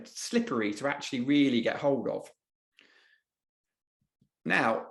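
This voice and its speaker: A man's voice: mid-range voice, echoey room. A man hosting a live webinar in a conversational way, reading out answers from the audience chat. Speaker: webinar host and presenter.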